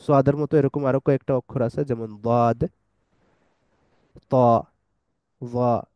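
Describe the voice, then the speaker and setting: A man teaching an online tajweed lesson, explaining letter sounds patiently step by step and reciting verses slowly. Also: medium pitch, steady tone, mellow, dry recording, dull audio.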